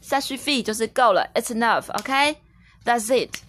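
A mother who teaches French, gently coaxing her young daughter through a casual lesson and slowly repeating each word, mixing in English phrases. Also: a little high. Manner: patient, coaxing, repeats words slowly and clearly; switches between Chinese, French and English.

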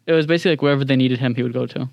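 A man's voice: medium pitch, very fast, gravelly, dry recording, lo-fi sound. A young man with a standard American accent, chatting informally as an interview guest and poking a little fun at himself. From several countries across Latin America, Asia, Europe and the US. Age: young adult. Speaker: podcast guest, international student. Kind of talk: casual interview chat.

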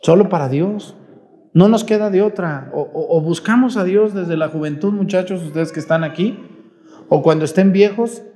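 Folksy priest preaching. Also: male voice, a little high, dark tone. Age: 40s. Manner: questioning the congregation directly, folksy. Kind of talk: sermon at Mass.

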